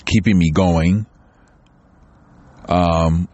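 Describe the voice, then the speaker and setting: A man's voice: deep voice, fairly even intonation, drawn-out words, warm tone, dry recording, lo-fi sound. A man talking candidly in a home vlog, rambling with many restarts and growing tearful. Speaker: channel host. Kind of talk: casual personal vlog talk.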